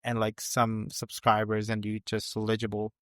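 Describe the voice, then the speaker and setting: A man hosting a podcast who asks questions haltingly, restarting words and using loose, non-native phrasing. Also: fairly low pitch, monotone, clean tone, no room sound. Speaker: podcast host. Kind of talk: interview questions.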